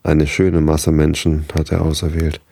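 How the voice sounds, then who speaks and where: A man voicing a weary male settler in a slow bedtime story reading, earnest. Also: rumbling low, completely flat delivery, vocal fry, warm tone, dry recording, heavily acted.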